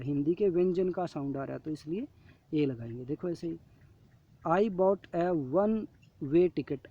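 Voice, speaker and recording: High-voiced Indian man teaching patiently. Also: warm tone. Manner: patient, addresses students as "beta", reads English examples slowly. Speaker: English teacher. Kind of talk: classroom lesson explaining a worksheet. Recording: dull lo-fi audio.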